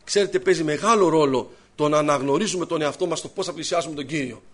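A man preaches to his congregation in a fairly high voice. He swings from loud, raised bursts to low, hushed asides, weaving personal stories into his sermon.

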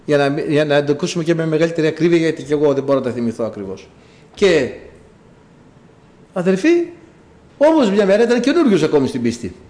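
A man preaching a sermon, telling a story with low asides and sudden high cries. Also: very animated, long pauses, a little mellow.

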